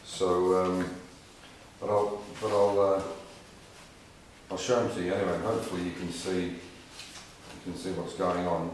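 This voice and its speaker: This middle-aged man from England speaks in a deep, level voice at a measured pace, with an English accent. He's a car restorer vlogger chatting casually about his car work with many fillers and repeated words, recorded in an echoey garage workshop with faint noise.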